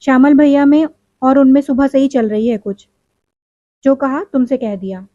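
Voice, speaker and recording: A woman's voice: high voice, fairly even intonation, moderate pace, dark tone, no echo, lightly acted. Woman doing an irritable young daughter. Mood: irritated. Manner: snappy, dismissive. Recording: dull lo-fi recording.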